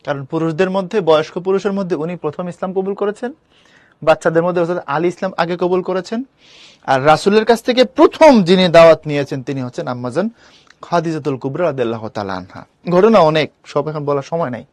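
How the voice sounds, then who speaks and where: A man's voice: on the high side, animated, a little fast, dry recording. Dry-voiced male teacher. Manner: explains patiently, asks students questions. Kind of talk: live online class lecture.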